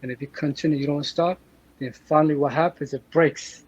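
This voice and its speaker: A man in his thirties from Afghanistan, a podcast guest, speaks in a direct, measured way and repeats phrases for emphasis. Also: a little high, fairly even intonation, a little mellow, husky, poor audio. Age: 30s. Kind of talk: casual chat.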